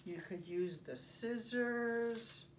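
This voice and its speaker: Reading aloud and showing a craft to young children, an older woman with a fairly high voice speaks in simple, deliberate phrases broken by pauses. The setting is a carpeted living room at home. A camera several feet off picks her up from a distance, along with faint room noise.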